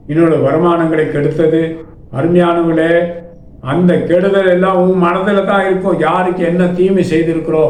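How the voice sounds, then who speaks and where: A man's voice: fairly high pitch, a little mellow, roomy sound, low-quality recording. A male pastor preaching a sermon, telling stories and voicing the people in them. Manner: storytelling preacher who voices people in his anecdotes. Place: church.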